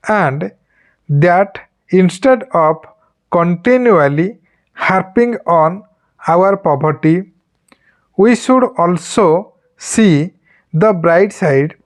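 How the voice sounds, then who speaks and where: A reader dictating a formal speech for shorthand practice, in deliberate short word groups with pauses between them. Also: mid-range voice, darkish tone.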